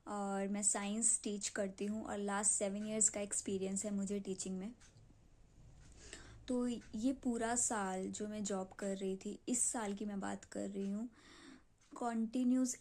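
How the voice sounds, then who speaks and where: A young video creator from Punjab, India chats to subscribers about the clay she sells, speaking casually in Hindi and English with a North Indian accent and repeating phrases for emphasis. She has a warm, medium-pitched voice.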